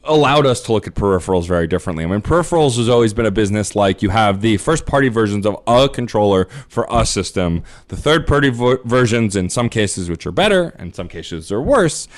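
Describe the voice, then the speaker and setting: A man co-hosting a podcast in casual chat, chatty, with rapid asides. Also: lowish voice, animated. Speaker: podcast co-host.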